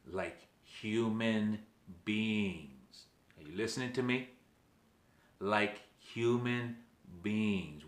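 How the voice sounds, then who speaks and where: Deep voiced guy from venezuela, slow and emphatic, lots of "okay", roomy echo. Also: fairly bright tone. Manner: emphatic, repeats "okay" and rhetorical questions. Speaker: vlog host. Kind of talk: direct-to-camera commentary.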